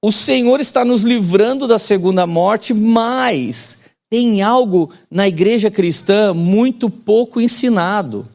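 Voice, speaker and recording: A man's voice: high-pitched, lively intonation, slow pace, darkish tone. A man in his forties preaching a sermon as pastor, in a casual joking manner with slang and call-and-response to the congregation.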